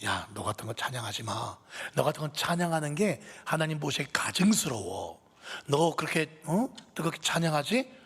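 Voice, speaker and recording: A man's voice: fairly high pitch, very animated, moderate pace, fairly bright tone, breathy edge, heavily acted. A man voicing a scornful male devil who hisses accusations, in a reverberant church hall. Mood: taunting.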